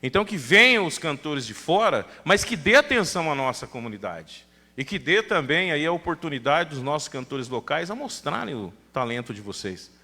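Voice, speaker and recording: A man's voice: on the high side, sing-song, moderate pace, sharp tone. A man with a Brazilian accent from Paraná, a city councilor giving an emphatic formal speech at a public hearing. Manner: emphatic, thanks dignitaries at length. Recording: reverberant council chamber PA.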